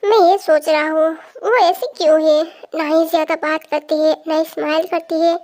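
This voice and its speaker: A woman's voice: high-pitched, steady tone, moderate pace, darkish tone. A woman voicing a lovestruck young man, earnest and questioning, in a storybook tale. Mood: wondering.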